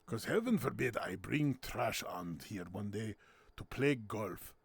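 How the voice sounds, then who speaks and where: Male streamer, casual gameplay commentary, gravelly, very bouncy delivery, giggles often. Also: on the low side, animated, a little slow, dry recording. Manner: playful and giggly, with silly sound words. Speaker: streamer hosting a game night.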